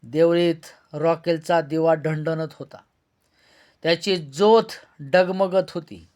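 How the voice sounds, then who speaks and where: A man narrates a novel aloud at a steady, measured pace. His voice sits fairly high for a man and stays even from line to line.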